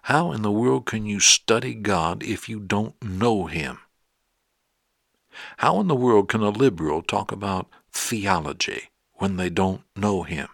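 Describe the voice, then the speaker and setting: A male preacher with a low, gravelly voice delivers a sermon, pressing his points with one rhetorical question after another. The sound is dry and close. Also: expressive, measured pace, no echo. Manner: emphatic, fires rhetorical questions.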